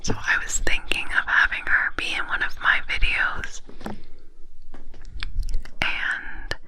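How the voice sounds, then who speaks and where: A soft-spoken woman doing a whispered role-play for ASMR, speaking gently and slightly raspy as she gets over being sick, close to the microphone. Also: slow pace, poor audio. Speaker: ASMR video creator. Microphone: close ear-to-ear ASMR microphone.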